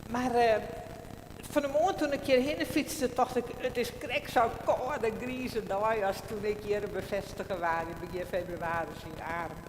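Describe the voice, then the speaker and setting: A woman pastor leads church liturgy and prayer in a large church, speaking calmly and with measured pacing in a slightly high voice. Long, cathedral-like reverb surrounds her, and this echoey livestream picks up audible room noise.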